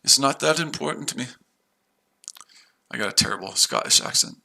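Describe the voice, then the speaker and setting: An American man from the United States chats casually with his viewers on a livestream while trading, rambling and repeating himself. His mid-range voice is animated, a little fast, gravelly and bright, with a forceful tone.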